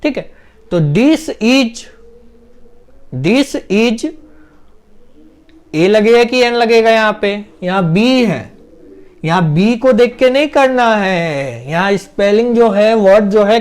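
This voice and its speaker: A man's voice: high voice, clear, resonant tone. A man teaching an English grammar lesson step by step, asking questions and answering them himself. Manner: explains step by step, asks and answers his own questions; drags out vowel sounds when demonstrating pronunciation. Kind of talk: classroom-style grammar lesson.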